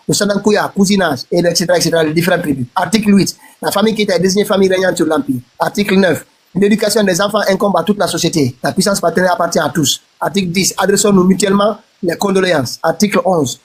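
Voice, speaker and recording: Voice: medium pitch, slightly rough. A moderator reading out a list of articles aloud and keeping order in a debate. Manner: brisk, reads list items then cuts in to keep order.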